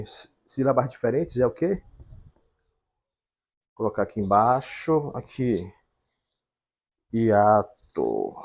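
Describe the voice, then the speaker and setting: A man's voice: mid-range voice, darkish tone, husky, highs cut off. A man teaching a grammar lesson at a whiteboard, explaining step by step and checking in with the viewers.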